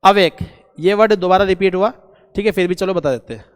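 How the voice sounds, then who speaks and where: Male teacher, high smooth voice, vocab class, long hall reverb. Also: brisk. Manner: repeats key words and quizzes students. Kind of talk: vocabulary lesson.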